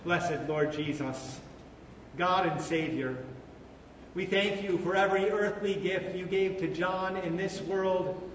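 A man leading funeral prayers as a pastor, with a slow, solemn liturgical delivery and a cathedral echo booming around the large church. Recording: echoey church hall from far off, with background noise.

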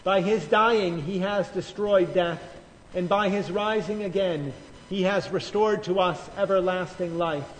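A male pastor leading liturgical prayers in a slow, measured cadence, heard in the echo of a large church. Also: sits high, slight background noise. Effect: cathedral echo. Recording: long church reverb, faint music.

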